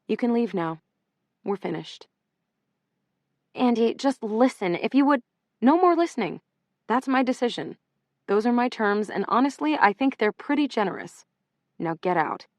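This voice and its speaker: A woman's voice: fairly high pitch, big pitch swings, normal speed, long pauses, no room sound. Sex: woman. Figure: cold, resolute female editor, as a woman narrator reads her. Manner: firm, clipped, a touch raised. Style: audiobook character. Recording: dry and close. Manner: firm, clipped, barely controlled.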